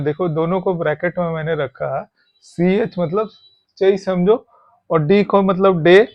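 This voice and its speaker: High-voiced slow man teaching. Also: a little mellow. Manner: mixes Hindi and English, explains step by step with frequent fillers. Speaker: language teacher. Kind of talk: casual lesson explaining pronunciation. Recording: slightly dull lo-fi audio.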